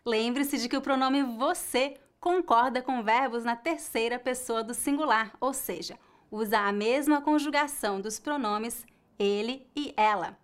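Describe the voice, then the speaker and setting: Brazilian woman, language teacher, slightly high, careful scripted delivery. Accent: Brazilian Portuguese. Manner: slow, clear explanation for learners. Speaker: Portuguese teacher. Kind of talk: scripted lesson.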